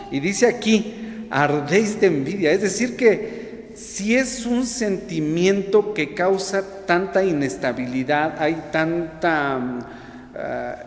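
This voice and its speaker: A man leading prayer and then preaching a sermon to a church women's group, often checking in with his listeners. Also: a little high. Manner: prays then teaches, asks the audience questions. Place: church hall. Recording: echoey hall, long reverb.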